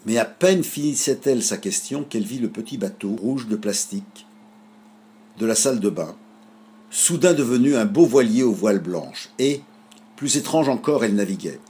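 A man reads a children's storybook aloud, animated and expressive. His voice sits at a middling pitch with a husky grain. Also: moderate pace.

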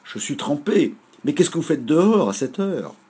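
A man voicing a studious older brother in a storybook reading, exclaiming loudly. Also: on the high side, sing-song, moderate pace, husky, voice pushed up. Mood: surprised. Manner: loud, surprised exclaiming.

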